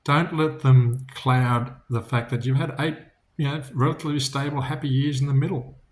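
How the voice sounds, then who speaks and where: A man's voice: mid-range voice, fairly even intonation, normal speed, reverberant. A man giving a casual, reflective talk about faith and business, speaking informally and often restarting his sentences. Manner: informal, many restarts, storytelling.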